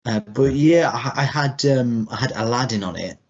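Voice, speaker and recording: A man in his thirties co-hosts a podcast, chatting casually in a loose, rambling way. His voice is mid-range and moves at a normal speed. The audio is dull, lo-fi podcast quality.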